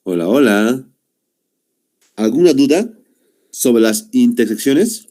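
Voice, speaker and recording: A man's voice: mid-range voice, animated, slow, mellow. A young man teaching a class over a video call, explaining patiently and checking in with "¿no?" after each point. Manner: explanatory, repeats "¿no?" and "muy bien". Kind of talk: online class.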